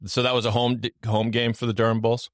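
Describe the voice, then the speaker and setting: A man's voice: medium pitch, level tone, fast talker, no room sound, studio quality. A man hosting a casual podcast, asking quiz-style questions in an upbeat, joking way. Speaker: podcast host.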